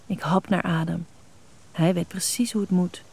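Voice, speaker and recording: A woman reading a scripted story in a soft, intimate, unhurried way with a husky voice. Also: fairly low pitch, steady tone. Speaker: narrator. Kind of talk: scripted erotic story narration.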